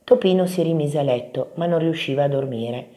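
A woman preschool teacher reading a bedtime story aloud to children, gentle and expressive. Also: sits low, fairly quick.

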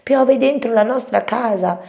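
A woman's voice: fairly high pitch, unhurried, gravelly, pitched above the performer's own voice. A woman voicing a small, frightened little mouse who can't sleep and keeps calling out anxiously for help. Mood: alarmed. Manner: anxious, pleading, shouting for help.

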